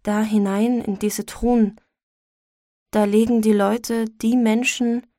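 A woman voicing a tender, sorrowful widowed mother in a storybook reading, speaking quietly and earnestly. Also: fairly high pitch, little pitch movement, slow, no echo, studio quality. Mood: solemn.

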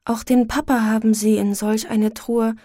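A woman voicing a tender, sorrowful widowed mother in a storybook reading, speaking quietly and earnestly. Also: on the high side, little pitch movement, moderate pace, no room sound, studio quality, close to an everyday voice.

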